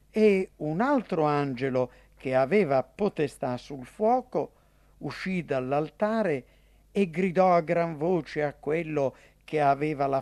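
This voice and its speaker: Male reader for scripture, solemn and measured, pitched high, very slow. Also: a little mellow, dry recording.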